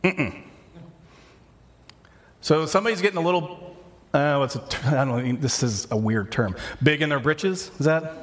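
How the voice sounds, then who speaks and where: Male pastor, slightly high voice, loose conversational sermon, self-correcting. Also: animated, moderate pace, long pauses, fairly bright tone. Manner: conversational, self-correcting, talks through scripture casually.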